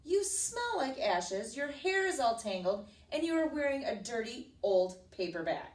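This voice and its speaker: A woman's voice: a little high, big pitch swings, slow pace, dark tone, reverberant, far from the mic, voice pushed up. A woman voicing a snotty, fussy young storybook prince in a haughty, scolding manner. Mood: haughty disgust.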